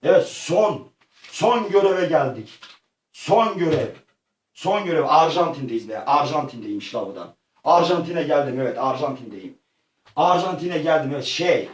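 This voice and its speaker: Excitable man, roomy and distant. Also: fairly high pitch, moderate pace. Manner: excitable, yelps and cries out often; slangy, rough-edged street talk. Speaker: vlogger. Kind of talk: improvised comic make-believe adventure. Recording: echoey room, far from the mic.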